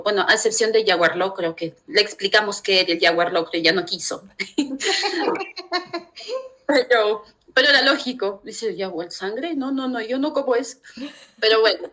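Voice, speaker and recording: A middle-aged woman from Ecuador with an Ecuadorian Spanish accent, telling family stories as an interview guest, warm and full of restarts. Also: mid-range voice. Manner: warm storytelling with many restarts. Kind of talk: casual interview talk.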